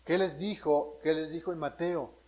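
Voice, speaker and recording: Man, fairly high voice, pastor preaching a sermon, steady teaching, often checks in with listeners, many restarts and self-corrections. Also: moderate pace, poor audio. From Mexico. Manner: teaching Bible verses, checking in with the congregation.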